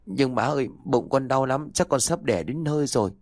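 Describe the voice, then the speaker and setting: A man's voice: mid-range voice, brisk, darkish tone, dry recording, studio quality, pitched above the performer's own voice, close to an everyday voice. A man voicing a suffering young pregnant wife in an audio story, with a plaintive, pleading manner.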